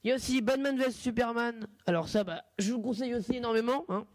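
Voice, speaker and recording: A young French man with a notably high voice hosts a homemade radio show, rambling through dates and film picks in a loose, informal way. The sound is dry and close, with no room around it. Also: quick pace, dry recording. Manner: chatty and informal, with fillers and self-corrections. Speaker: radio host. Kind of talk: casual amateur radio hosting.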